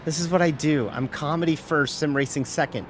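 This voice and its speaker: A man streams a sim race with a fairly high, slightly fast voice over faint background noise. His live chat while racing is casual and rambling, self-mocking, packed with fillers and offhand swearing.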